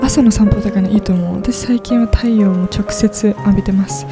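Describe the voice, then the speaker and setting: A young woman in her twenties talks in a relaxed, chatty vlog voice-over with an average pitch. She sounds upbeat and gushes about what she loves. Clear background music plays beneath her. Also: moderate pace. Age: 20s. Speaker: vlogger. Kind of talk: casual vlog chat and voice-over.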